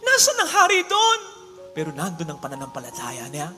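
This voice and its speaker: A man preaching as a priest, telling a story in an animated way that swings between loud exclamations and hushed lines. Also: on the high side, a little fast. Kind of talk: sermon with storytelling. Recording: long hall reverb with faint music behind.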